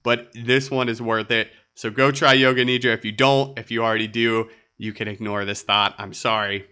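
Man, podcast host, slightly nasal, laid-back and upbeat, clear smooth voice. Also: mid-range voice, steady tone, moderate pace, pushed and bright. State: nasal from a cold. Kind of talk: solo podcast episode.

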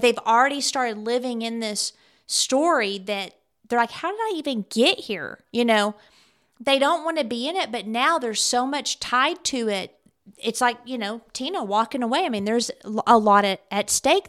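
A woman's voice: fairly high pitch, a bit bright. A woman co-hosting a casual chat, supportive, with frequent affirmations. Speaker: podcast co-host.

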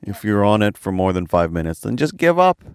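A man's voice: lowish voice, a little fast, smooth, no room sound. A man co-hosting a travel vlog, chatting and joking with friends in a car. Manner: joking, teasing, lively. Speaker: vlog co-host. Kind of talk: casual chat.

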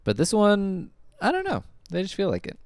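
A man's voice: high voice, huge pitch swings, normal speed, no echo, studio quality. A man co-hosting a podcast in a casual, wry, joking review chat. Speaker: podcast co-host.

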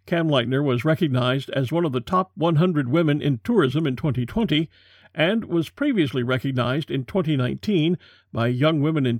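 An American man hosting a podcast, reading a measured, scripted introduction. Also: a little high, darkish tone, no room sound, studio quality. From USA. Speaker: podcast host.

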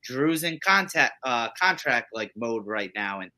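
A man co-hosting a casual wrestling podcast, talking in an animated, rambling way. His pitch swings widely, and his voice has a bright, forward tone. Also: measured pace. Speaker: podcast co-host.

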